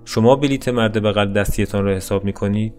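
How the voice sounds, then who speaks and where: A man's voice: fairly low pitch, darkish tone, faint music behind, natural voice. A man voicing a brusque, impatient bus driver who talks curtly and dismissively. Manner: curt, dismissive.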